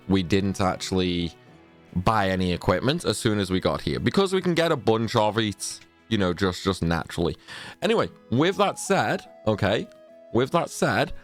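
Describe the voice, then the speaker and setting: A man with a lowish voice that swings up and down a lot, talking casually through a game guide. He rambles and corrects himself as he goes, sneezy and stuffed up, with faint game music underneath. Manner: chatty, rambling, self-correcting. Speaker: gaming guide creator. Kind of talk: casual game walkthrough commentary.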